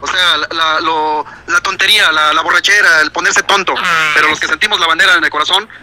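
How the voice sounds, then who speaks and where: A man's voice: on the high side, fairly even intonation, brisk, pushed and bright, rough recording. An indignant man phoning in to a radio show and scolding another caller.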